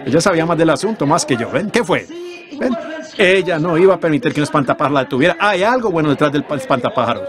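A man's voice: on the high side, expressive, quick pace, a crowd in the background. A man interpreting a sermon in an earnest preaching voice, often turning to the congregation with rhetorical questions. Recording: congregation noise from an old sermon tape behind the voice. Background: congregation in a church.

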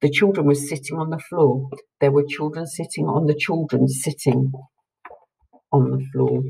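A woman reading a children's book aloud to listeners with expressive storytelling. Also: low voice, moderate pace, creaky, breathy edge, rough recording.

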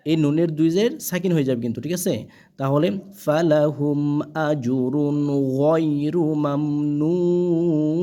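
A man teaches Quran reading, spelling out each letter and its vowel marks one by one. His voice sits a little high yet sounds soft and warm. He draws the recited words out slowly and keeps checking that his learners follow. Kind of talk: spelling-out Quran lesson, call and repeat.

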